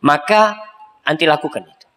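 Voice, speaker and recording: A man's voice: fairly high pitch, normal speed. A man preaching a humorous, emphatic sermon and answering a question from the congregation. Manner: lively, humorous, emphatic rising peaks. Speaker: Islamic preacher. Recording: long echoey hall reverb.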